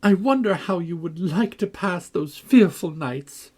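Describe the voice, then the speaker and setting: A man's voice: a little high, big pitch swings, normal speed, a little mellow, husky, pitched above the performer's own voice, exaggerated voice. A man voicing a peevish, sickly boy who whines and taunts in a self-pitying way.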